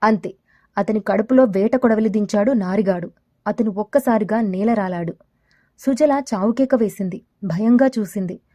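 A woman narrating a scripted story in a steady, dramatic reading manner. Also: mid-range voice, moderate pace, no room sound.

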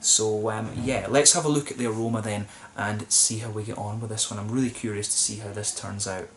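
Seated at a table in a small, plain room, a young man reviews a beer to camera, thinking aloud and rambling with plenty of ums and restarts. His voice is lowish and steady, his delivery brisk, with slight hiss or hum in the recording.

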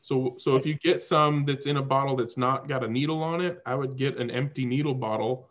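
A man hosting a casual video call chat, explaining things at length in a relaxed way from a room at home. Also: mid-range voice, a little fast, lo-fi sound. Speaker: host.

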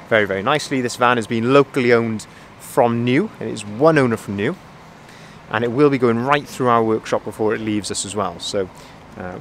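A man with a middle-range voice walks around a van outdoors, pointing out its features in an easygoing sales patter full of "uh" and "um". He holds the camera himself, and his voice sits in a light wash of outdoor noise from the forecourt. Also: medium pitch. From Wales. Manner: relaxed, salesy patter with many fillers. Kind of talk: walk-around vehicle tour. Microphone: camera held by the speaker, filming by hand.

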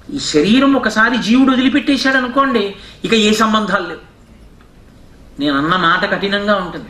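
A man delivers a spiritual discourse in a high voice, pressing rhetorical questions and slowing down to chant classical verses. He is heard from a distance in an echoey hall. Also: fairly bright tone. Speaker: religious discourse speaker.

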